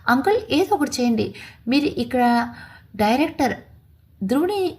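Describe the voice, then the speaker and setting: A woman voicing a shy, sweet young wife who talks softly and coaxingly in a read-aloud story. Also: high-pitched, expressive, normal speed. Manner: soft, coaxing.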